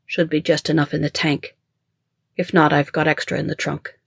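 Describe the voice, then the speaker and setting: An audiobook reader voicing a terse, protective male bodyguard who murmurs orders and barks them under fire, with a slightly gravelly edge. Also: little pitch movement, moderate pace, a bit bright, no echo, studio quality, full character voice. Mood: calm. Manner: low murmured orders, barking in danger. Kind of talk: audiobook dialogue.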